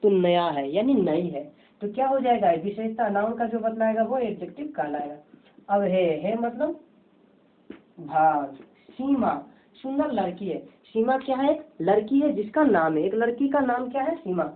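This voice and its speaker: A woman's voice: medium pitch, expressive, moderate pace. A woman teaching a grammar lesson, who keeps asking questions and answering them herself in a repetitive, drilling way. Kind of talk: home-tuition grammar lesson. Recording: tinny phone-like lo-fi audio.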